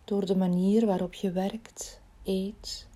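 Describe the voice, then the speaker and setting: A woman leading a guided body-scan relaxation in a slow, soothing, soft voice that often drops near a whisper. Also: mid-range voice, flat delivery.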